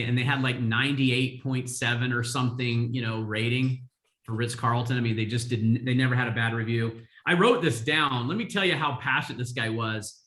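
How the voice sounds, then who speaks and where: A man's voice: medium pitch, fairly bright tone, echoey room. A man coaching real estate agents on a video call, telling stories energetically with frequent laughs. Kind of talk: live coaching session.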